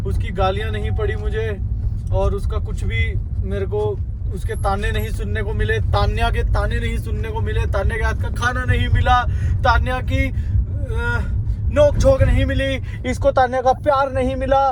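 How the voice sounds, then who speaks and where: A young man with a high voice chats excitedly to his viewers, teasing and playful. A faint car hum sits behind him. He talks casually, like a home vlog. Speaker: vlogger.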